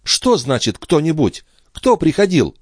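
Brief: a man doing a proud young noblewoman, distraught, high strained voice, dry sound. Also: big pitch swings, a little slow, no echo. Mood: anxious. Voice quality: raised pleading voice.

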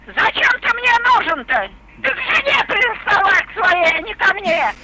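Old lady super high sharp voice, swearing and arguing on the phone, all over the place in pitch, bit of noise. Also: animated, normal speed. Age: older, elderly. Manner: combative, suspicious, foul-mouthed. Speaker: prank call victim. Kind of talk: argumentative phone talk. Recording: phone call with faint noise.

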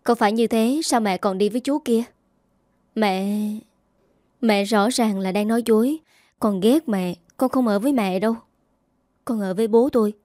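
A woman's voice: on the high side, normal speed, long pauses, mellow, no echo, clean studio sound, close to an everyday voice. Woman reading a hurt, sulky little boy.

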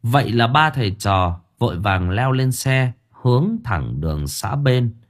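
A man, narrating a comic story in a lively, colloquial way. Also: mid-range voice, measured pace. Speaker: audiobook narrator.

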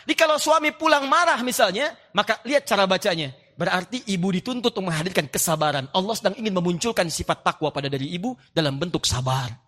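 A man preaching a sermon to a live audience, playful and animated, acting out little dialogues and reciting Quranic verses. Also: high voice, fast talker, hardly any pauses, big-room sound.

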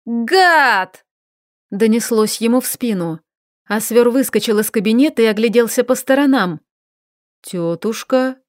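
A woman giving a lively, expressive scripted narration of a fantasy novel. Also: a little high, fairly quick, no echo, clean studio sound. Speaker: audiobook narrator.

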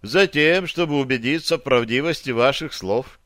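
A man voicing a calm, suspicious male interrogator who gives demands evenly, recorded dry. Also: medium pitch, normal speed, dry recording, close to an everyday voice.

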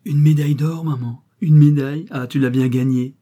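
A man voicing a frail young boy who is eager and affectionate, raising his voice high for the child. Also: normal speed, husky, natural voice. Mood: elated. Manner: excited, high-pitched cries.

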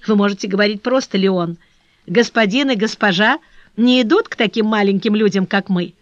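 A woman reading an audiobook and voicing a warm, eager young flower girl who talks in excited, pleading exclamations. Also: medium pitch, normal speed, no room sound, close to an everyday voice. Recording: dull dry lo-fi recording.

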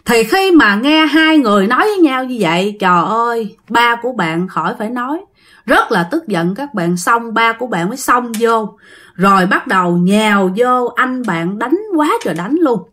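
A Southern Vietnamese woman tells a story to her listeners in a casual, chatty way. Her voice sits a little high for a woman, and she breaks into dramatic exclamations as she goes. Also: expressive, normal speed, fairly bright tone.

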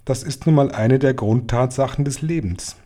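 A man's voice: medium pitch, normal speed, dark tone, pitched above the performer's own voice, close to an everyday voice. A man voicing a stern, knowing old grandmother who gives grave, matter-of-fact warnings in a storybook.

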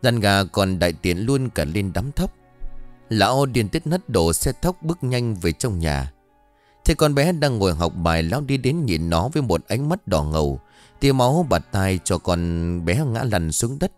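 A man reading an audio story aloud in an expressive, dramatic narration style. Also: fairly low pitch, moderate pace, soft background music.

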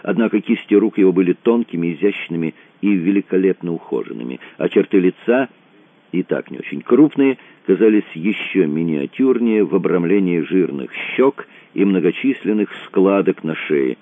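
A man narrating an audiobook in an expressive reading style, in a tinny, dry recording. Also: low-pitched, moderate pace. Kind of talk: scripted narration. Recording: tinny phone-like dry sound.

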